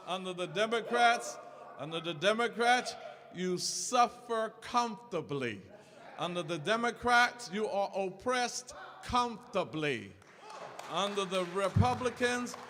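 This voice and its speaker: Impassioned man orating in an echoey hall. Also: sits high. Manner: impassioned, repetitive, rising to shouts. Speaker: activist speaker. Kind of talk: fiery political speech. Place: large church hall.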